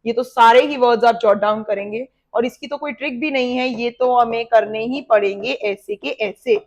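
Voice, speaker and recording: A woman with an Indian accent teaches a vocabulary lesson, her voice sitting a little high. She explains each word with memory tricks and repeats them. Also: normal speed. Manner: lively explaining with repetition.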